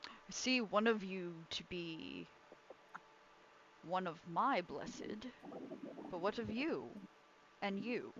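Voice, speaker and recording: A woman's voice: mid-range voice, expressive, slow pace, long pauses, fairly bright tone, dull audio, a little hiss or hum. A woman voicing a stern, imposing male god of animals in a tabletop game, solemn and questioning. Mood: solemn, probing. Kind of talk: tabletop game role-play.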